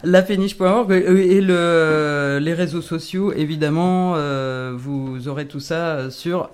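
A woman's voice: sits low, takes it slowly, a little mellow. A woman presenting upcoming concerts on a radio show, in a playful chat full of hesitant fillers. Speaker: concert programmer on a radio guest spot. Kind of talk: casual radio chat announcing events.

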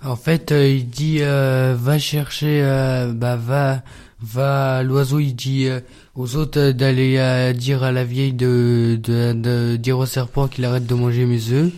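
Hesitant guy student retelling a story slow, lots of ums, dark voice. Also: medium pitch, little pitch movement. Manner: hesitant, many fillers.

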